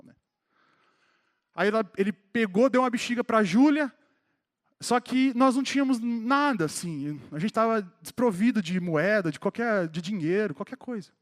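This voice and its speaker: A man with a high-set voice and a Brazilian Portuguese accent preaches a sermon at a church service. He speaks straight to his congregation, calling individual members by name. His delivery builds in fervor and emphasis as he drives his points home. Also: animated, a little fast. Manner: grows more fervent and emphatic toward the close.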